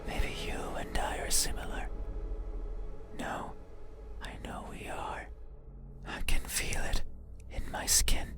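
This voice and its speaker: A performer voicing a lonely, eerie demon that yearns to be seen, in a halting, earnest whispered role-play. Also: natural voice. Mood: yearning, eerie. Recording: whisper over loud music.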